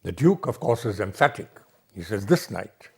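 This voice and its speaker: A middle-aged man giving a university lecture on literature, slow and emphatic. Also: on the low side, lively intonation, husky. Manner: slow, deliberate, emphatic delivery.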